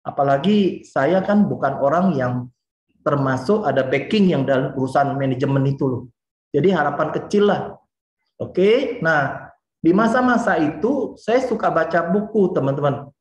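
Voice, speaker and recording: A man in his forties from Indonesia giving a lively, chatty motivational talk and speaking straight to his listeners. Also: a little high, normal speed, echoey room, dull audio. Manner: lively and chatty, often addresses the listeners directly.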